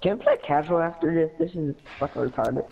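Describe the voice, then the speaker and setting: A man's voice: a little high, animated, a little fast, vocal fry, breathy edge, highs cut off. A man chatting casually during a multiplayer game, swearing, griping and teasing crudely. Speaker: gamer in a multiplayer match. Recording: noisy game voice chat, clicks.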